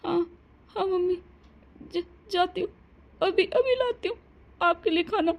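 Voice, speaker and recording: A woman voicing a gentle young daughter-in-law in a cartoon story, speaking softly and hesitantly. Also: very high voice, a little slow. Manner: soft, pleading, hesitant.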